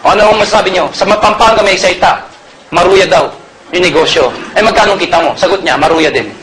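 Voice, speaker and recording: A man from Pangasinan giving an energetic, joking motivational sales talk to a live audience, often calling out questions. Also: high-pitched, fast talker. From Pangasinan, Philippines. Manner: energetic, jokey, often shouting to the crowd. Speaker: network marketing speaker. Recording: loud crowd and noisy venue.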